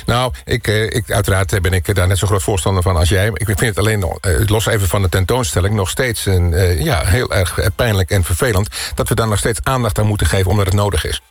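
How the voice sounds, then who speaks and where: A man's voice: lowish voice, fast talker, few pauses. A middle-aged man with a Netherlands Dutch accent, hosting casual live radio chat. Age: middle-aged or older. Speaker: radio host.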